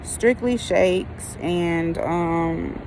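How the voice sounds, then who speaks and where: A woman's voice: fairly low pitch, very slow, noisy background. An American woman chatting casually to her viewers in an informal, folksy, rambling way, often drawing out hesitant phrases. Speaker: vlogger.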